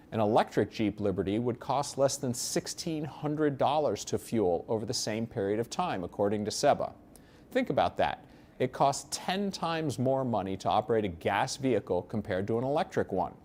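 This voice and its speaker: A man's voice: medium pitch, darkish tone. Male presenter, American accent. Scripted persuasive narration, assured, explanatory and emphatic. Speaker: presenter of an investment promotion.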